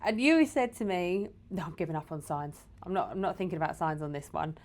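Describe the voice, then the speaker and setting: A woman's voice: lowish voice, expressive, fairly quick, darkish tone. A woman from England, co-hosting a casual, teasing podcast chat at home. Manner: chatty, laughing, teasing. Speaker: podcast co-host. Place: home in the UAE.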